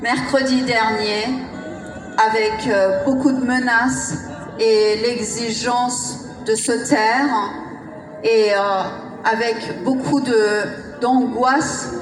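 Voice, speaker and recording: A woman interpreting a testimony live, halting and correcting herself as she goes. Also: fairly high pitch, fairly even intonation. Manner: halting, hesitant, self-correcting. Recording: echoey hall with music.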